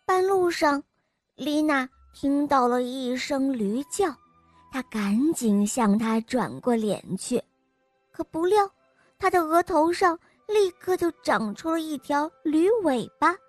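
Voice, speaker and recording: Slow, high-voiced woman storyteller. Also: animated, dry recording, faint music behind. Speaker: storyteller host. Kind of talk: children's storybook reading.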